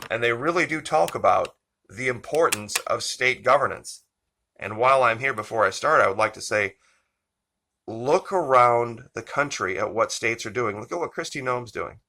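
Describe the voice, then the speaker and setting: Slow, bright-voiced man hosting commentary. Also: medium pitch. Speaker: channel host. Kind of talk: political commentary.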